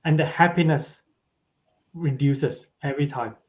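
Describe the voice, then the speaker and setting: A man's voice: a little high, measured pace. A man, a podcast guest chatting casually about his life and tagging his sentences with "right?". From Malaysia. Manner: tags sentences with a questioning "right?". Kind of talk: casual interview chat. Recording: dull lo-fi audio.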